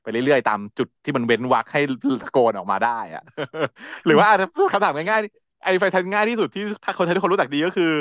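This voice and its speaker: Lively, animated man chatting casually. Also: on the high side, fairly quick, no echo, studio quality. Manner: animated, laughing often, acts out characters' lines. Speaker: podcast co-host. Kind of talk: casual chat recapping a series.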